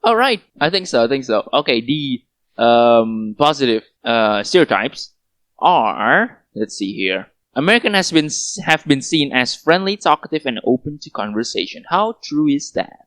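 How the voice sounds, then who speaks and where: A man's voice: medium pitch, sing-song, moderate pace, a bit bright, no echo, clean studio sound. A young man co-hosting a casual podcast, talking with many fillers and restarts. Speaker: podcast co-host.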